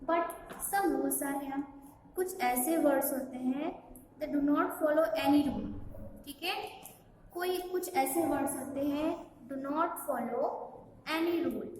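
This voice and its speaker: A woman's voice: high-pitched, slow pace, a little mellow, distant mic. A woman teaching English grammar to a class, spelling words letter by letter and checking with the class as she goes. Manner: asks the class questions and checks "okay?". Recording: echoey hall with faint background noise.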